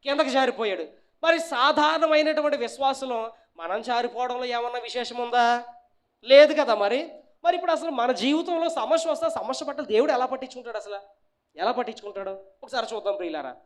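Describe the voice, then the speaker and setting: Pastor guy, really high voice, preaching, goes loud then quiet, keeps asking the crowd stuff. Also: a little fast. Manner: questions the congregation and prompts replies; dramatic, swings between loud and hushed. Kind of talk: sermon.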